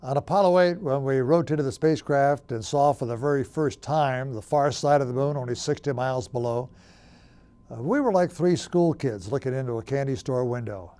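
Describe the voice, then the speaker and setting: A man's voice: mid-range voice, normal speed, mellow, clear, resonant tone. An older man, a former astronaut, telling a story from memory in a reminiscing style.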